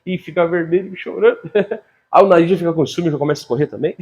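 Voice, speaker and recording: A man preaching a sermon as a pastor, animated, swinging between loud and soft, laughing often and speaking straight to the congregation. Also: fairly high pitch, fairly quick, highs cut off.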